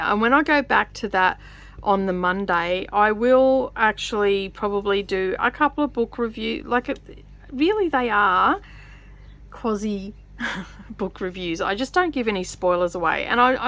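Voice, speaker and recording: A woman's voice: medium pitch, a bit bright. A woman hosting a chatty craft vlog, talking loosely with many fillers and restarts while she stitches and stops to count. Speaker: vlogger. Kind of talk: casual chat while stitching.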